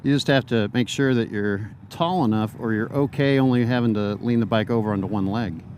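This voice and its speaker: A man's voice: mid-range voice, a little fast. A man in his fifties gives casual, rambling, self-deprecating commentary into a helmet intercom mic while riding a motorcycle. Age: 50s. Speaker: motovlogger reviewing a demo motorcycle. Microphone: microphone inside motorcycle helmet. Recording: helmet mic with loud wind and road noise.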